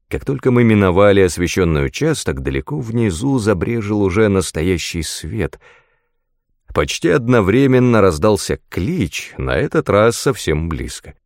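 Low gravelly male audiobook narrator. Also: no echo, studio quality. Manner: measured, expressive storytelling. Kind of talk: first-person fantasy audiobook narration.

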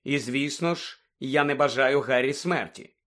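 A man reading as a calm, weary male teacher. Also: medium pitch, close to an everyday voice. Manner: quiet and measured, restrained. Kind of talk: audiobook character voice.

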